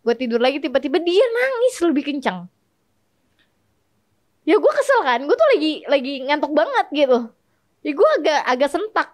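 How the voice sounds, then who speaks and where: A woman's voice: high voice, big pitch swings, normal speed, pauses often, a little mellow. A young woman hosting a casual comedic advice talk, chatty and playful, laughing often as she tells stories. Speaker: host.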